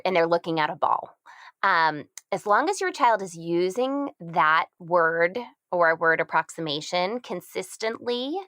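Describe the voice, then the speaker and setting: A woman's voice: lowish voice, fairly bright tone, no echo, clean studio sound. A woman in her thirties, a speech therapist, giving parenting advice on a podcast and acting out words in a sing-song voice.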